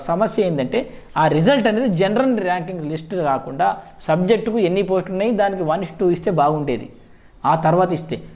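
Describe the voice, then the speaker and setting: A man's voice: high-pitched, a little mellow. A man with a Telangana Telugu accent explaining things informally to viewers, mixing in frequent English words. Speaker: job-exam advice video host.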